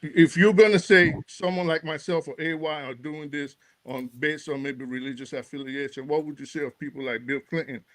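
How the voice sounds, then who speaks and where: A man making a measured, analytical point in a live online debate, insisting he takes no side. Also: fairly high pitch, fairly bright tone, dry recording. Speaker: panelist in a live audio discussion.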